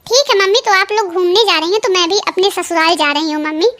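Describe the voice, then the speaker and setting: A woman's voice: extremely high pitch, fast talker, fairly bright tone. A woman voicing a sulking young daughter. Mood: hurt. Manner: complaining, self-pitying. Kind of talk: cartoon story voice acting.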